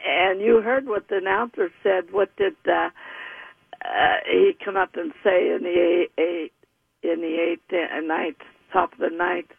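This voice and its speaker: A woman's voice: lowish voice, steady tone, unhurried, vocal fry, husky, no room sound. A woman in her nineties calling in, chatting in a rambling way, heard over a phone line on the radio. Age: 90s. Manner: chatty, rambling baseball talk. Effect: phone call heard over the radio. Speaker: caller. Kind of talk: casual phone chat. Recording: tinny dry phone line.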